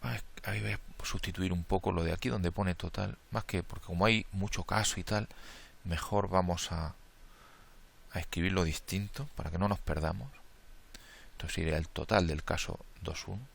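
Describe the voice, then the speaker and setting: A man's voice: sits low, moderate pace, gravelly, slightly rough. A man lecturing through a combinatorics problem step by step, thinking aloud and correcting his own slips in a Spain Spanish accent. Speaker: math lecturer. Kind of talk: worked-problem lecture, counting steps aloud.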